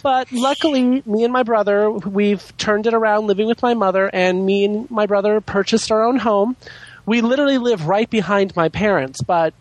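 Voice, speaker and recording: A man's voice: sits high, moderate pace, low-quality recording. Campy drag queen, a man with exaggerated inflections. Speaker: podcast guest, drag queen. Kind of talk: casual chat.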